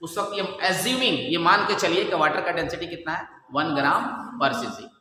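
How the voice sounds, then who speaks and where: A man teaching chemistry to a class, dictating questions slowly and coaxing students as "beta". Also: on the high side, pushed and bright. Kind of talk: classroom lecture. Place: large echoey classroom. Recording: echoey hall from far off, faint room noise.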